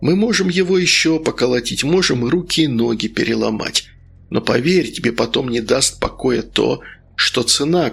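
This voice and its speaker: A man's voice: mid-range voice, vocal fry, a bit bright, breathy edge. A man voicing a stern, cruel male sorcerer who coaxes and orders in an audiobook. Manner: stern, coaxing, harsh barks.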